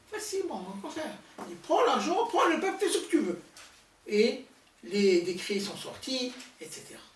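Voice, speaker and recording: A man rabbi teaching a Torah lesson to a live audience, quizzing them with questions and stressing key words. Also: a little high. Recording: roomy hall from a distant mic, faint noise.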